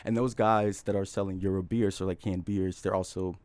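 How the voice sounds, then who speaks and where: A man's voice: low voice, flat delivery, fairly quick, a little mellow, smooth. A young man from Chicago telling a rambling story in casual chat, laid-back and full of fillers. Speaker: podcast guest.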